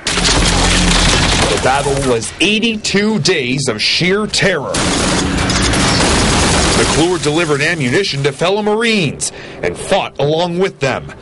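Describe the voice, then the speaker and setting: An American man narrating a scripted television news report with a dramatic, deliberate storytelling delivery. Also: fairly high pitch, sing-song, very noisy.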